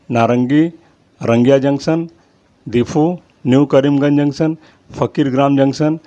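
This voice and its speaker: A man reads out long lists of names at a steady, deliberate pace, the way a host of his own channel does. His voice sits at an ordinary mid pitch, and he sounds apologetic about his pronunciation. The recording is a little dull and lo-fi. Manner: steady list-reading. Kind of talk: reading out a list of names. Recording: slightly dull lo-fi audio.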